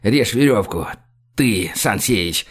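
A man voicing a tough, menacing captive who barks clipped orders in a low voice. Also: animated, slow pace, breathy edge, exaggerated voice.

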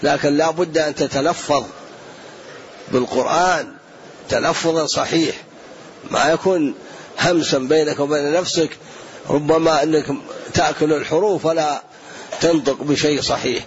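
A man answering questions in a religious lesson, explaining in a measured way and repeating points for emphasis. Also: on the high side, fairly even intonation. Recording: dull lo-fi lecture recording.

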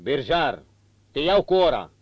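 A man's voice: a little high, big pitch swings, no room sound, voice pushed up. A man voicing an enraged, jealous marquis in his thirties who barks his orders harshly, in a dull recording. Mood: commanding. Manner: shouting harshly. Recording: dull lo-fi audio.

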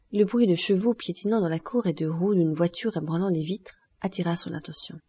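A woman narrating a classic novel as an audiobook, reading in a measured, expressive way. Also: fairly low pitch, breathy edge.

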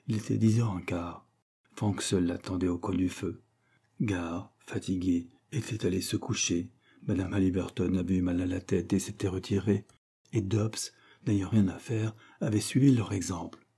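A man narrating a novel as an audiobook in a steady, measured reading. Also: low voice, vocal fry, slightly rough.

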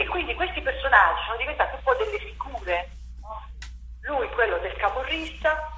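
A playwright and theatre director with a fairly high, sharp voice discusses her stage work in an interview. She thinks out loud, reflective and full of fillers and restarts. Faint noise and echo fill the room.

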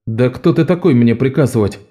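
A man voicing Locke, a wily adult male con man who talks in a wry, quiet way. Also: medium pitch, lively intonation, a little fast, close to an everyday voice.

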